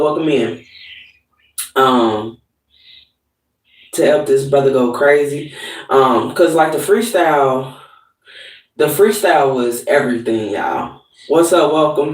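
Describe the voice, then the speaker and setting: A man hosting a livestreamed talk show from his bathroom, chatting casually and profanely to viewers with lots of filler words. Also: medium pitch. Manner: loose and profane, rambling with fillers. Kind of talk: casual monologue to live viewers. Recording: hollow echoey room, distant mic.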